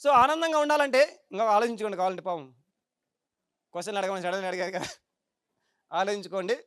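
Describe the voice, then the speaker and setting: A woman's voice: mid-range voice, fast talker, a bit bright, clean tone, no room sound, studio quality. A middle-aged woman meditation teacher giving a spiritual talk to a live audience, emphatic and full of rhetorical questions.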